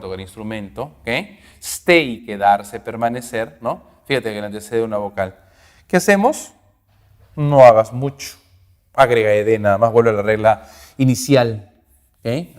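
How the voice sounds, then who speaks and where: A man's voice: medium pitch, a little mellow. Man, English teacher, patient step-by-step explaining, hall reverb. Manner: explains slowly, checking with "ok?" after each point. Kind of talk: recorded grammar lesson.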